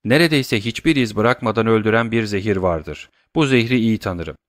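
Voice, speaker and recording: A man voicing a middle-aged male doctor who questions urgently and speaks gravely. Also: lowish voice, normal speed, no room sound, studio quality, lightly acted.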